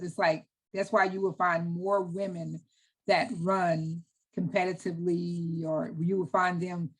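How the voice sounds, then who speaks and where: A middle-aged woman from the United States chatting as an interview guest, enthusiastic and talkative, repeating words when she gets going. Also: on the low side. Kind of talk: casual interview chat.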